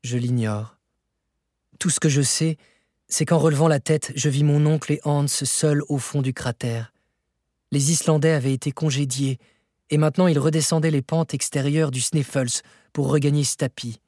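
A man reading a novel aloud as an audiobook narrator, measured and expressive, rising in pitch for dramatic moments. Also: no room sound, studio quality.

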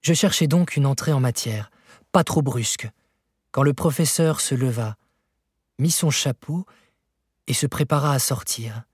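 A man reading a novel aloud in a measured, even storytelling manner, with a husky voice. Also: mid-range voice, dry recording, studio quality. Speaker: audiobook narrator. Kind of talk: scripted literary narration.

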